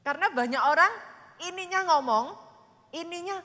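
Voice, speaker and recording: A woman pastor delivers an animated sermon in a high, bright voice that leaps up and down. She keeps turning to the congregation and acts out quoted lines dramatically. A long church hall reverb trails each phrase. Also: normal speed. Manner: animated preaching, constantly addressing the congregation.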